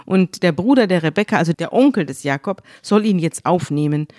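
A woman co-hosting a podcast, bluntly and lively retelling a scripture story in conversation. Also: fairly low pitch, brisk, no echo, studio quality. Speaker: podcast co-host.

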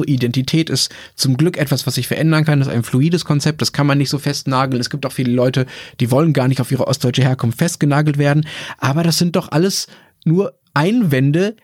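A Berlin-born man who co-hosts a debate podcast, arguing his point with heavy irony. His voice sits a bit higher than most men's, recorded dry with no room sound. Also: no echo. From Berlin, Germany. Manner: ironic, argumentative. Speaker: podcast co-host. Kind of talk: casual debate.

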